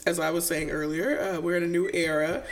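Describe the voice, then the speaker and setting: A woman's voice: lowish voice, fairly even intonation, fairly quick, slight background noise. A tired woman co-hosting a podcast at home, laid-back and making dry quips. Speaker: podcast co-host. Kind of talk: casual podcast chat. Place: at home, mother nearby.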